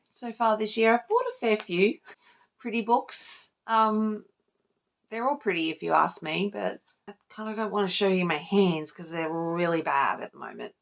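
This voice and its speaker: Gravelly and a bit bright, this woman's lowish voice carries a relaxed, sweary chat to camera. She's a book vlogger hosting a tag video and gushing over favorites.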